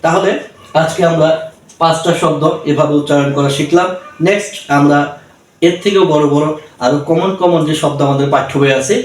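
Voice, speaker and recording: A man with a Bangladeshi accent teaching English pronunciation, slowly and patiently spelling out each syllable and repeating it. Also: a little high. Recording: echoey room, voice from a distance.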